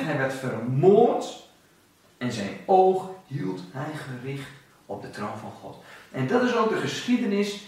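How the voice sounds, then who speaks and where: A preacher man with a fairly high voice gives a sermon in a strongly echoing hall. He surges up into high, loud cries, then drops low and quiet. He stands some way off the microphone. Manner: dramatic rises and drops in pitch and volume. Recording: very echoey, from far off the mic.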